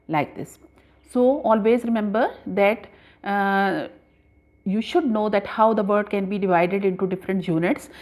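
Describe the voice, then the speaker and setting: A woman teaching a grammar lesson patiently, spelling words out letter by letter with frequent pauses. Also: medium pitch, a little mellow. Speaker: English teacher.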